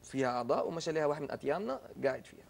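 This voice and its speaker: A man with a Sudanese Arabic accent, a studio guest who tells a personal story and pauses to search for words. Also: a little high, expressive, gravelly, a little hiss or hum. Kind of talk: anecdotal conversation.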